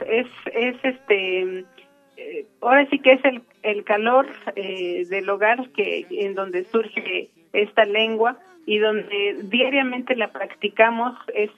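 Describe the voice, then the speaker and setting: This interviewee is a woman from Michoacán, Mexico, whose first language is Purépecha. She gives a reflective personal account, thoughtful and unhurried, pausing often. Her voice sits in the mid-range, and the sound is phone quality.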